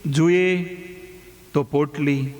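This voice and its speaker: A man voicing a reformed male dacoit, gentle and humble, talking earnestly in a storytelling recording with long reverb. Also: fairly high pitch, fairly even intonation, drawn-out words.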